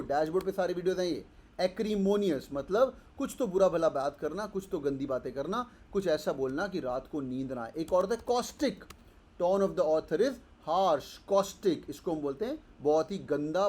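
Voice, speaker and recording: A man runs a live online vocabulary class. He is energetic and a little scolding, drills each word again and again, and mixes Hindi with as he goes. He speaks into a live-stream microphone. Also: high voice. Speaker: online exam-prep teacher.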